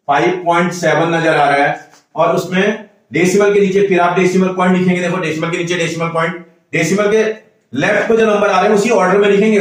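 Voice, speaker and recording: A man's voice: high-pitched, recorded from a distance. A man teaching a maths lesson, patiently counting aloud and talking to the student as if to a child. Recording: echoey room, voice away from the mic.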